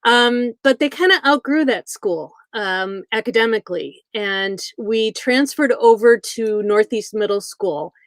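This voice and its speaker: A woman's voice: on the high side, measured pace, few pauses, no echo. Middle-aged Midwestern woman, chatty and joking, dry close recording. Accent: Midwestern American. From Wisconsin. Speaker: school board candidate. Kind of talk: casual self-introduction.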